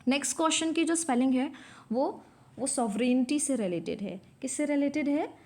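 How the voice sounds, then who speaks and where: A woman teacher walks through a spelling quiz, calling out each letter slowly and clearly. Her voice sits a touch high, and she repeats key words to check understanding. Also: lively intonation, darkish tone. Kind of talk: spelling lesson, mixing English terms into Hindi.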